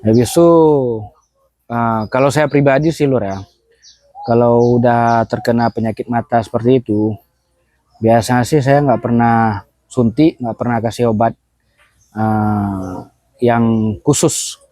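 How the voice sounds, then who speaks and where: A man, a goat farmer, talking in a relaxed and chatty way outdoors at his goat pen, tagging his sentences with little asides. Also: mid-range voice, measured pace, pauses often, dry recording. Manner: relaxed and chatty, keeps tagging phrases with "Lur" and "ya kan". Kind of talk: casual vlog chat.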